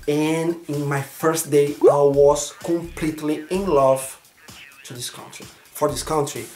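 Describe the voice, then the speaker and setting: A young man from Brazil with a Brazilian Portuguese accent, speaking English as a second language in an expressive personal vlog, sometimes searching for words. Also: on the high side, reverberant. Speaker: vlogger.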